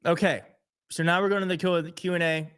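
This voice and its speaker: A young male host talks to his live-stream audience in an earnest, openly emotional way. His voice sits a little high, and he speaks with heartfelt warmth about what he believes in. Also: fairly even intonation, fast, smooth. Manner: emotional, earnest, self-deprecating. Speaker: show host.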